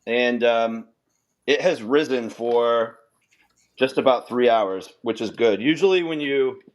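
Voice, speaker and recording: A man's voice: medium pitch, takes it slowly. A man with a Rhode Island accent hosting a casual livestream from his home kitchen, explaining his pizza-making step by step with many restarts. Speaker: livestream host cooking pizza. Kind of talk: casual livestream chat while cooking. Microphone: camera on a handheld gimbal.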